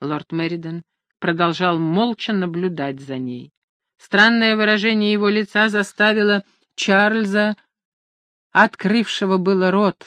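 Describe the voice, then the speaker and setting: A narrator reading a historical romance novel aloud in a measured, even manner. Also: medium pitch, no room sound. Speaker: audiobook narrator.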